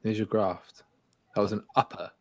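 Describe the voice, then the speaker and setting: A man's voice: on the low side, flat delivery, moderate pace, a little hiss or hum. A man co-hosting a retro game stream, chatting casually, swearing now and then and thanking viewers. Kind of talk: casual gameplay chat. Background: game music.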